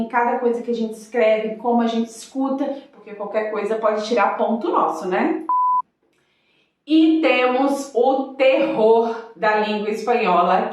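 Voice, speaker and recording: A woman's voice: fairly high pitch, heavy reverb, recorded from a distance. Brazilian woman teaching Spanish pronunciation. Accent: Capixaba Brazilian Portuguese. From Brazil (Espírito Santo). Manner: lively, addresses students directly, slows down to model words. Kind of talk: online pronunciation lesson.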